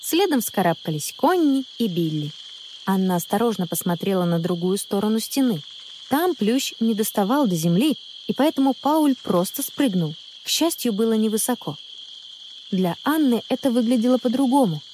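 A woman narrating a children's story aloud in an expressive, storytelling manner. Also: on the high side, normal speed, slight background noise. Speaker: audiobook narrator.

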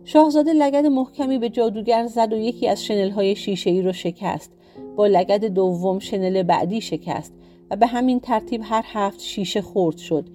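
A woman reads a folktale aloud in a steady, measured storyteller's voice with a dark, mellow tone. Soft guitar music plays quietly beneath her narration. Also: mid-range voice. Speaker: audiobook narrator. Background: faint guitar music.

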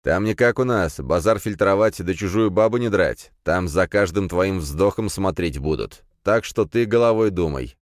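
Man voicing a calm crime boss, worldly, philosophizing, deep, dry. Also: moderate pace, few pauses, dry recording. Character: calm middle-aged male crime boss.

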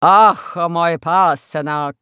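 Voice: mid-range voice, extremely slow, sharp tone, smooth, no room sound, clean studio sound. A reader voicing a pompous crowned king in an audiobook, scolding theatrically. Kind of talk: audiobook character voice.

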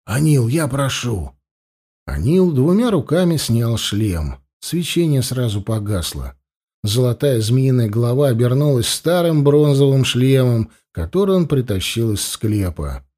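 A man's voice: medium pitch, big pitch swings, measured pace, dark tone. A man narrating an adventure audiobook expressively, doing voices for the characters.

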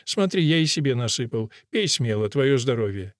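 A man reading an anguished, pleading gentleman. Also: mid-range voice, very animated, moderate pace, dry recording, clean studio sound, lightly acted. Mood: coaxing. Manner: moaning, pleading. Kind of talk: audiobook reading.

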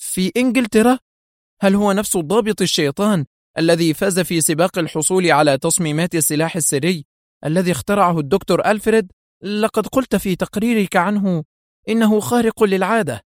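A man's voice: medium pitch, expressive, moderate pace, no echo, clean studio sound, close to an everyday voice. A man voicing a nervous male spy agent who stammers and hesitates. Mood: flustered.

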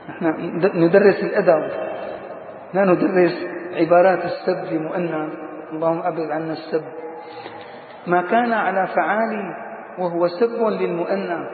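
A man's voice: high voice, slight background noise. A man teaching a grammar lesson as a sheikh, asking his students questions and then answering them himself. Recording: tinny lo-fi echoey hall recording.

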